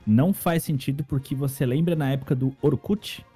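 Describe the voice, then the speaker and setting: Brazilian male co-host, joking and mock-indignant, dark mellow voice. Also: medium pitch, fairly quick, slightly rough, soft background music. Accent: Brazilian Portuguese. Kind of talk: casual comedic chat.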